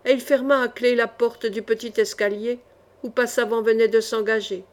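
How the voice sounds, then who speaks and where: A woman reading a swashbuckling adventure novel aloud as an audiobook narrator, in a measured, expressive way. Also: fairly high pitch. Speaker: audiobook reader.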